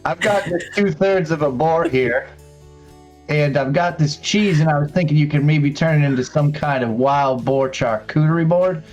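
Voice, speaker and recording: A man's voice: fairly high pitch, moderate pace, a little mellow, faint music behind. A man playing a tabletop game, speaking as his character in a playful, laughing way. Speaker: player. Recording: dull lo-fi audio.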